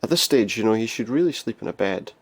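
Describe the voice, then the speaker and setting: A man's voice: lowish voice, animated, fast talker, husky. A man giving casual, wry let's play commentary, musing aloud as he goes. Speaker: game player commentator.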